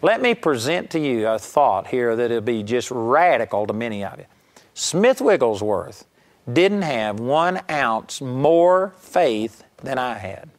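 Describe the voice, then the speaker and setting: A middle-aged man preaches a sermon, telling stories emphatically and acting out raised, shouted quotes. His voice is medium in pitch with big pitch swings, and his pace is slow.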